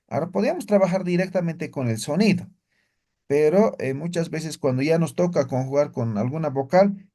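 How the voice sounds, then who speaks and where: A man's voice: on the high side, dark tone. Patient man teaching with constant check-ins. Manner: explains patiently, repeats words and asks "¿no?" and "¿ya?" after most phrases. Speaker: language teacher. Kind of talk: spoken language lesson.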